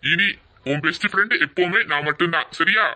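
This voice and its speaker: Man playing a gentle, comforting uncle. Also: high-pitched, a little fast, no echo. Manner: soothing, reassuring.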